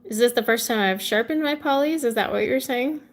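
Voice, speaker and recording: A woman's voice: a little high, a little fast. A woman, chatting casually with viewers on a livestream and answering their comments. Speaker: livestream host coloring with viewers. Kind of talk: casual chat while coloring.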